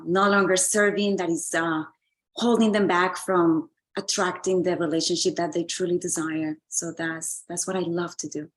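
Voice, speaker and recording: A Colombian woman, a relationship coach and author, speaks earnestly as an interview guest in a lowish voice, often repeating words while she searches for the right ones.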